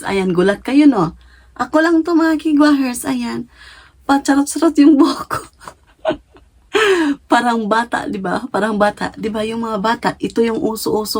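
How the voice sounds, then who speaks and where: A woman from the Philippines, talking casually at home to her viewers, playful and quick to laugh, switching between languages. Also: a little high. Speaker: vlogger. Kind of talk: casual vlog chat to viewers. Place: home in Japan.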